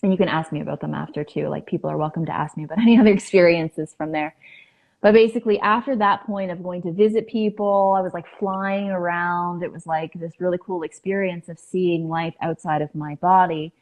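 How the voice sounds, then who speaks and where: A woman guest on a podcast, telling a personal story in an earnest, halting way with many fillers. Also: fairly low pitch, fairly even intonation, darkish tone.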